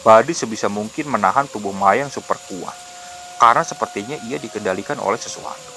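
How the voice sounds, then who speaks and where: Man, low-pitched, scripted horror narration, quiet and deliberate, faint noise behind. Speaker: storyteller.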